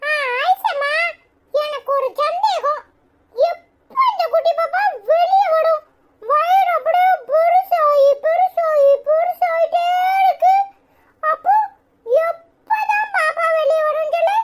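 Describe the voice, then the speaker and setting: A woman voicing a small, curious and whiny boy in a cartoon, with a childish squeaky voice and a Tirunelveli Tamil accent. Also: slow. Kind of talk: cartoon voice acting.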